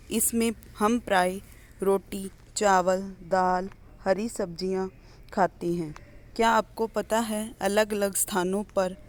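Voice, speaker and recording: A woman teacher, reading a primary school lesson aloud slowly and clearly, pausing between the items of each list. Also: medium pitch, a little mellow. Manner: slow, clear classroom reading with list-like pauses.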